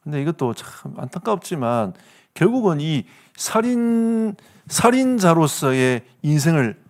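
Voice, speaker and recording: A man's voice: a little high, very animated, unhurried. A male pastor with a Gyeongsang accent preaching a sermon, telling stories with comic asides and laughter. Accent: Gyeongsang Korean. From South Korea.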